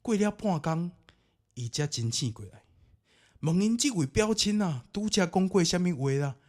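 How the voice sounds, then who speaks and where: Ghost stories are narrated and discussed theatrically and colloquially by a man with a high, expressive voice of darkish tone, at a moderate pace. He's a podcast host with a Taiwanese accent whose first language is Taiwanese Hokkien.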